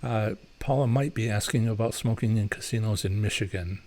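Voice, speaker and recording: Speaking a little fast in a lowish, darkish voice, a man hosts a live Q&A stream. He fields viewer questions loosely, with frequent fillers and restarts, in an explanatory, advice-giving manner.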